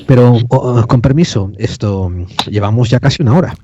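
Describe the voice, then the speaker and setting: A man's voice: mid-range voice, normal speed, dark tone, no echo. A man hosting a casual chat, telling stories and swearing freely, his voice a bit metallic. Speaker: host. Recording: slightly metallic, dull sound.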